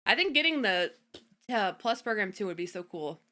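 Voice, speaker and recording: A woman streamer chats casually into a desk mic at home. Her voice is bright and swings widely in pitch, and she giggles often between filler-heavy sentences. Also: very animated, normal speed. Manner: chatty, giggly, lots of fillers. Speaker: streamer host. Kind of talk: casual chat.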